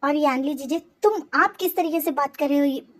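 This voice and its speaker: A woman's voice: high-pitched, fairly even intonation, moderate pace, lightly acted. A woman voicing a hot-tempered young man who scolds his family indignantly in a spoken fan story.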